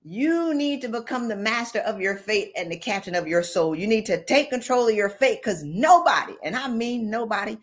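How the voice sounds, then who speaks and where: A woman's voice: fairly high pitch, animated, normal speed, hardly any pauses. A middle-aged woman giving an informal, direct motivational talk in a blunt, emphatic way, repeating phrases to drive them home. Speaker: motivational speaker and podcaster.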